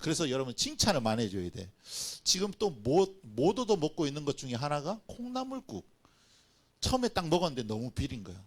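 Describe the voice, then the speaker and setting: A middle-aged man gives a children's and family sermon as pastor. He talks in a fairly high voice that swoops lively up and down. He acts out little scenes as he tells stories. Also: fairly quick. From Korean coast. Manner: animated storytelling, acting out little scenes.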